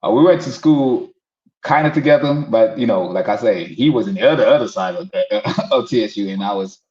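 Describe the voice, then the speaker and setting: Haitian-born man, low-set voice, joking panelist on a muffled, roomy call. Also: lively intonation, brisk, darkish tone. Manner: laughing, teasing. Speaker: panelist, stand-up comic. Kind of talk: casual joking chat. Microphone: video call.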